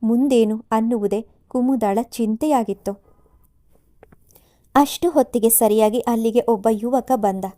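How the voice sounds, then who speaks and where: A woman telling an emotional story in a steady, expressive storybook reading. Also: a little high, unhurried, long pauses, no echo. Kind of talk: storybook narration.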